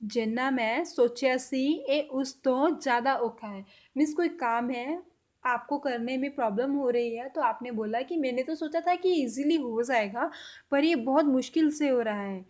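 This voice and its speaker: High-voiced woman teaching phrases slowly. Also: darkish tone. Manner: repeats example phrases slowly and deliberately; mixes English words into explanations. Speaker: language teacher. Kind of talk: casual spoken language lesson.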